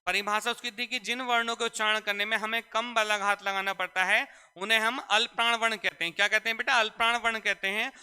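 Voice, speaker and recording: A man's voice: high-pitched, bright, forceful tone, clean tone. A man teaching a classroom grammar lesson, repeatedly asking questions and answering them himself. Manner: repetitive call-and-response questioning. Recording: echoey hall reverb.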